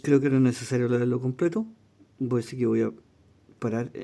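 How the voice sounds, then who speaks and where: Man with a mellow voice. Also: medium pitch, steady tone, fairly quick, gravelly. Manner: explanatory, checks in with "¿ya?". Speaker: teacher. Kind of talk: exam-prep lesson, reading questions aloud.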